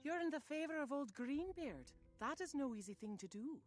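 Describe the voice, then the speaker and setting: A woman's voice: high voice, lively intonation, normal speed, faint music behind. An actress voicing a female quest-giver in a video game, speaking in a courtly, formal way with an Irish accent. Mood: earnest.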